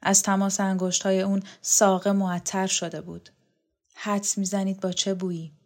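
Woman voicing a dreamy, devoted man reminiscing in an audiobook; soft and hushed. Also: medium pitch, little pitch movement, close to an everyday voice. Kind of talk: audiobook character reading.

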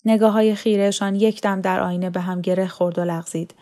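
Female audiobook reader, middle pitch, calm measured narration. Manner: calm, even, measured storytelling. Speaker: story reader.

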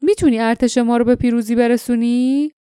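A sly little man with a sneering, taunting way of talking, put on by a woman reading aloud, pitched up higher and slower than her narration. Each mocking line is drawn out. The voice sounds close and dry. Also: fairly even intonation, warm tone, clear, resonant tone, dry recording, close to an everyday voice.

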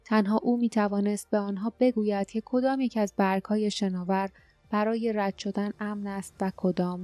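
A woman narrating an audiobook in a steady, even storytelling manner. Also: medium pitch, no room sound.

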